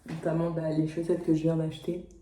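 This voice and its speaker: Young woman from France, knitting vlog chat, chatty and slangy, warm mellow tone, roomy echo. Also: low voice, monotone, a little fast, slight background noise. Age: young adult. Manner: chatty and slangy, with frequent fillers and restarts. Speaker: knitting vlogger, exchange student.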